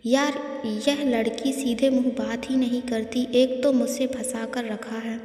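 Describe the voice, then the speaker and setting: A woman's voice: fairly high pitch, fairly even intonation, unhurried, a little mellow, close to an everyday voice. A woman voicing a teasing, stubborn young man who grumbles wryly, in an echoey room. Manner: grumbling, wry. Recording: echoey room with long reverb.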